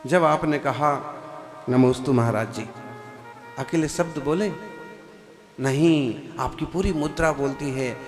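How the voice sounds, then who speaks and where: A man's voice: on the high side, steady tone, slow pace, big-room sound, soft background music. A man, a Jain monk, giving a sermon to a seated congregation, asking them rhetorical questions and sometimes slipping into a chant. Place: large hall before a seated congregation.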